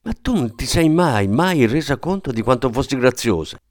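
A man's voice: mid-range voice, animated, moderate pace, darkish tone, no room sound, studio quality, voice pushed up, lightly acted. A man reading an audiobook, voicing a domineering older sister with a raised, commanding voice. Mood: bossy.

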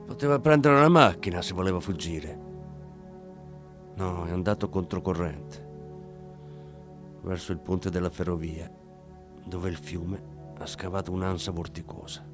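A man reading a crime story aloud in measured, expressive scripted narration. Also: deep voice. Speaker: audiobook narrator. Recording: faint background music.

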